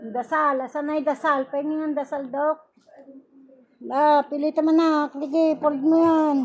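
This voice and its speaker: A woman's voice: high-pitched, flat delivery, unhurried. Woman faith healer, commanding chant-like calls, dull lo-fi sound. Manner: commanding, rhythmic, chanting exclamations. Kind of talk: spoken prayer and healing ritual.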